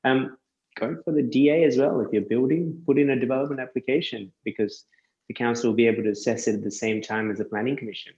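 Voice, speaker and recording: A man who works as a land surveyor, chatting casually and explaining things step by step with quick self-corrections. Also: medium pitch, fairly even intonation, a little mellow, roomy sound, dull audio. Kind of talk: casual podcast chat.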